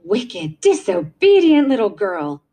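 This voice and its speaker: A woman's voice: fairly high pitch, wildly swooping pitch, slow, dark tone, full character voice. A woman playing a cold, furious aunt. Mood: cold fury. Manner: icy, scolding.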